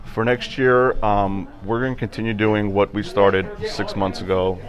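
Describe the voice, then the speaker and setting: A barbershop owner in his thirties gives casual interview answers inside his shop, relaxed and chatty with lots of fillers. His voice is on the low side at a normal pace, and the rough recording picks up crowd noise.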